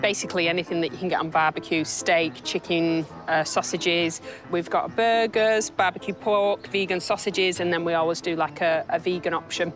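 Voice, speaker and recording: A British woman talks casually in an interview. Her voice sits a little low, and music plays behind her. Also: fairly even intonation, normal speed.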